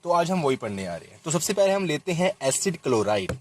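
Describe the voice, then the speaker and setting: A young man gives a chalk-talk chemistry lesson explaining a reaction, in a fairly quick, very animated, higher voice with a little hiss or hum in the audio. He speaks straight to his students, repeating himself and self-correcting as he writes formulas.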